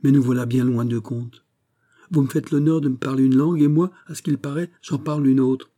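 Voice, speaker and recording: A man's voice: mid-range voice, steady tone, brisk, mellow, voice pushed up, close to an everyday voice. A man voicing an evasive young courtier. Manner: deferential, falsely innocent, polite. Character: evasive young male courtier, feigned naivety. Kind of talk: audiobook reading.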